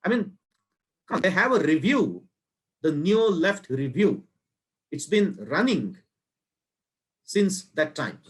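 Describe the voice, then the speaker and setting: Slow, measured lecturing man, high voice. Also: very animated. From India. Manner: slow, deliberate delivery with pauses between phrases. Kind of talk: academic lecture.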